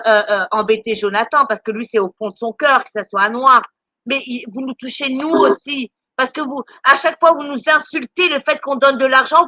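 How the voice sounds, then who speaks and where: A woman's voice: high voice, pushed and bright, dry recording. A woman doing charity work, ranting on a live stream, indignant and scolding, stammering and repeating words as she talks. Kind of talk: impassioned live-stream rant.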